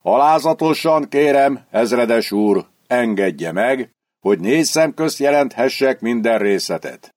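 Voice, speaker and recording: A man's voice: mid-range voice, expressive, darkish tone, lightly acted. A male narrator voicing a cold, scheming army lieutenant who reports to his colonel in stiff military formality. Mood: pleading, insinuating. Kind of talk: audiobook character voice.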